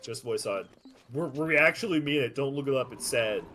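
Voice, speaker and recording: A man's voice: mid-range voice, fairly quick, crowd noise. A man chatting on a stream with a friend, rambling and joking, with sudden jumps in his voice. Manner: animated, rambling, jokey. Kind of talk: casual chat.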